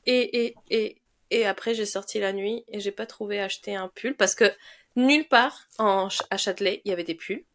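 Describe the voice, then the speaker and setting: A woman with a cold talks in a hoarse, husky voice at a middle pitch. She co-hosts a relaxed chat show and stays cheerful. Her sentences stop and restart often. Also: moderate pace. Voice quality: low, husky sick voice. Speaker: podcast co-host. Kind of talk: casual chat.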